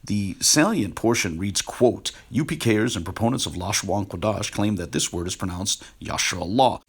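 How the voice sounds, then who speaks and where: A man giving a measured, scholarly walkthrough of sources shown on screen. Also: on the low side, animated, slightly rough. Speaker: video essayist on biblical words. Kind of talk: screen-share explanation.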